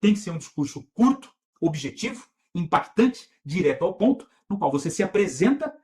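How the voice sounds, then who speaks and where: A middle-aged Brazilian man teaching an online course lesson, emphatic and energetic, with frequent rhetorical questions. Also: sits high, moderate pace. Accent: Brazilian Portuguese. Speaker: real estate sales instructor.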